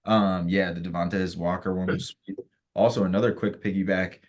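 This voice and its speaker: A man's voice: low voice, fairly even intonation, brisk, a little hiss or hum. A man co-hosting a sports podcast, ranting casually and with lots of swearing. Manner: profane, fired-up ranting. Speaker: podcast co-host.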